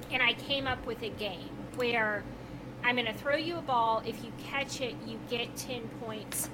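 A woman with a somewhat high-pitched voice chats as a podcast co-host. She tells stories casually and with animation. The recording has clearly audible noise behind her. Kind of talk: casual conversational storytelling.

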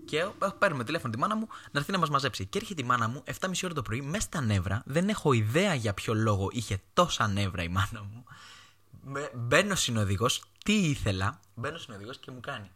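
A man's voice: mid-range voice, breathy edge. A young Greek man hosting his own podcast, telling casual stories and acting out his family's voices. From Greece. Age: young adult. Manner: animated, acts out his mother's voice in quoted lines. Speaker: podcast host. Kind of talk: casual storytelling monologue.

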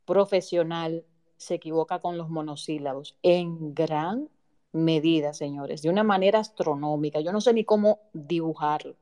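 A woman's voice: mid-range voice, mellow. A woman, a journalist explaining spelling rules in an interview, emphatic and teacherly, speaking straight to the listeners. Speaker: journalist guest.

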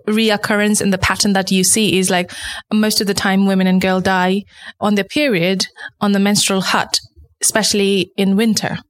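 Woman from nepal, talking earnestly in an interview, lots of "like". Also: mid-range voice. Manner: earnest, explanatory, frequent "like" fillers. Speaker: guest, founder of a menstrual product. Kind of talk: conversational interview.

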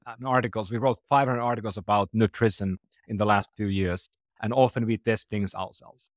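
A man's voice: lowish voice, no room sound. Finnish man in his forties, dry sound. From Finland. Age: 40s. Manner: earnest, loose phrasing with restarts. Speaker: startup founder and guest. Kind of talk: conversational interview.

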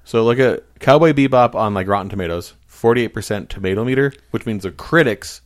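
A man in casual podcast chat, relaxed and easygoing. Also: fairly low pitch, fairly quick.

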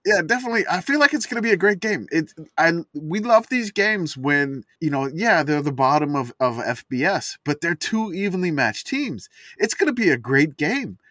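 A man's voice: a little high, lively intonation, normal speed, sharp tone, no echo. A man hosting a casual sports chat podcast from inside a closet, rambling and chatty with plenty of fillers. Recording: dry, close sound from a closet.

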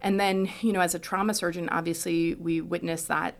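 This is a brisk, gravelly, fairly low voice with little pitch movement, belonging to a middle-aged Houston woman. As a podcast guest and trauma surgeon, she narrates her own experiences in an interview, reflective and explanatory yet conversational.

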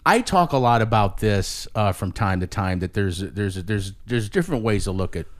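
A man with a lowish voice hosts a podcast in easy, talkative chat. He circles back over his own words and keeps pushing forward with enthusiasm. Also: moderate pace. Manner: talkative, animated, repeats himself. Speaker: podcast host. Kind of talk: casual interview chat. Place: New Orleans.

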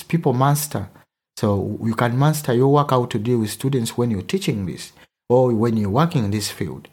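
A man's voice: medium pitch, a little mellow, slightly rough. A man from Uganda whose first language is Luganda, speaking earnestly in a discussion and often restarting to find his words. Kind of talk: conversational discussion.

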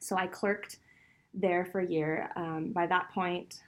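Her voice on the low side and her intonation fairly even, a middle-aged law professor with roots in Venezuela and the US takes her time answering interview questions. She is chatty and reflective and laughs often.

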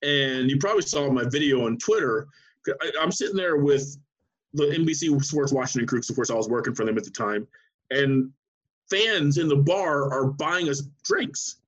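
A man who works as a sports writer, telling an animated anecdote in casual chat with many restarts. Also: medium pitch, normal speed, highs cut off.

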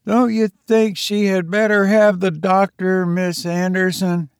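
A man's voice: high-pitched, flat delivery, a little slow, clean tone, dry recording, clean studio sound. A man reading aloud, voicing a kindly elderly New England woman with folksy, soothing speech.

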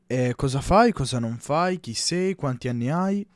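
A man's voice: mid-range voice, animated, measured pace, no echo, studio quality. A man hosting an interview, introducing and asking questions in a semi-scripted way. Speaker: interviewer, show host.

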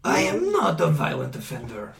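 A man's voice: on the high side, wildly swooping pitch, moderate pace, gravelly, echoey room, distant mic, crowd noise, heavily acted. A man in an improv comedy scene playing a desperate jailed scarecrow who pleads in earnest, slightly broken phrases.

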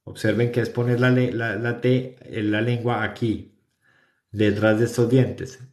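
Teaching English pronunciation, a Colombian man explains carefully in his Colombian Spanish accent, frequently checking in with the class by repeating "¿cierto?". His mid-range voice is a little mellow and slow with little pitch movement, heard in an echoey room.

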